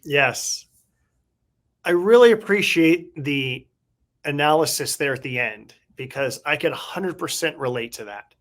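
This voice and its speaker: A middle-aged man talks at an easy conversational pace, looking back on old memories. His voice sits a little high for a man. He tells his stories casually and reflectively, with long anecdotes. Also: animated, fairly bright tone. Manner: reflective, nostalgic, drawn-out anecdotes. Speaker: podcast co-host, former baseball beat writer.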